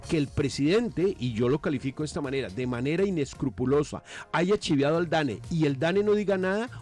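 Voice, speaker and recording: A man's voice: a little high, animated, fairly quick, a little mellow, soft background music. A Colombian man giving opinionated live news commentary, indignant and emphatic, often asking questions and answering them himself. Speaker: economics commentator on a news programme.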